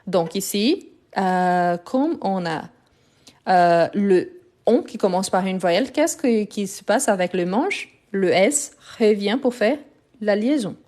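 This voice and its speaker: A woman's voice: mid-range voice, lively intonation, takes it slowly, darkish tone. A woman giving a live online grammar lesson, explaining patiently and repeating the key words, recorded on a phone. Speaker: French teacher. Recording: phone live stream, slightly lo-fi.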